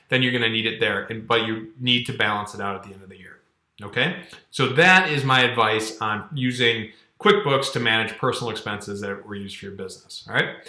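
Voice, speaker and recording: A thirtysomething man with a medium-pitched, pushed, bright voice gives a casual screen-share lesson for an accounting course. The indoor sound is roomy and echoing, and he explains conversationally step by step, checking in often with "okay" and "all right."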